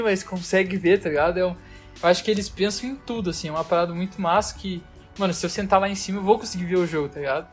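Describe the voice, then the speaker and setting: A man with a Brazilian Portuguese accent telling a travel story in casual chat, loose and slangy, full of fillers. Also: high voice.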